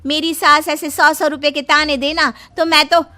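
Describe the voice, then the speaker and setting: A woman's voice: sits high, very animated, moderate pace, sharp tone, exaggerated voice. Woman doing a snippy young sister-in-law. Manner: snippy, talks back.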